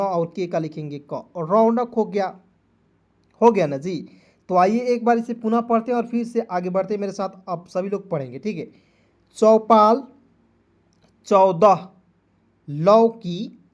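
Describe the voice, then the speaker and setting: A man's voice: high voice, a little mellow. A man teaching an online lesson, who patiently spells words out letter by letter and keeps checking in with his viewers as friends. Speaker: English teacher.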